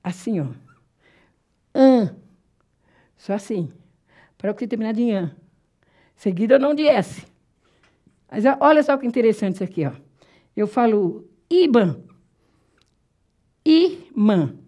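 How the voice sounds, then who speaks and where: A Brazilian woman teaching Portuguese grammar in a classroom lecture, explaining step by step, checking that the class follows, and slowly drawing out example words. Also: a little high, lively intonation, dark tone. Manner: drawn-out, slow spelling of example words.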